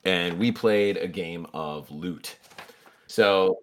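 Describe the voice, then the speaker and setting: A man's voice: low voice, takes it slowly. A man on a podcast, methodically recapping his tabletop games in detail. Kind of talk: casual chat.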